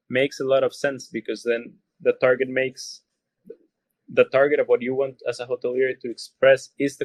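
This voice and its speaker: Heard over poor audio with no room sound, a man's mid-range voice carries a Costa Rican Spanish accent. He is a hotelier guesting on a podcast, giving thoughtful answers and frequently repeating words as he hunts for the right phrasing.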